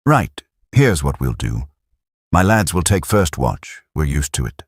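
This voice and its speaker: A man doing a brisk Welsh platoon sergeant. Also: a bass voice, very animated, slightly rough, dry recording, clean studio sound, full character voice. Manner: practical and commanding.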